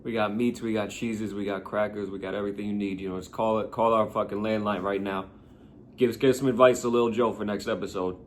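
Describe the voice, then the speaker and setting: Low-voiced man co-host, relaxed profane banter, faint background hum. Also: fairly quick. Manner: laid-back, profane banter. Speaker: podcast co-host. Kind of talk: casual chat.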